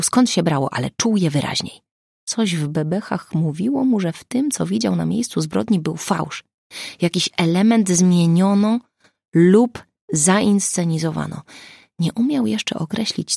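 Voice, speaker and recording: A woman narrating an audiobook in steady scripted storytelling. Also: lowish voice, gravelly, slightly rough, no echo, clean studio sound.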